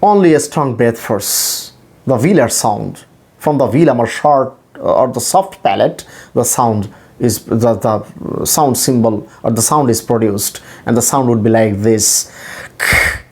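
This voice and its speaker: This is a male English pronunciation teacher with a Bangladeshi accent whose native language is Bengali. His instruction is deliberate, repetitive and demonstrative, delivered in a mid-range voice.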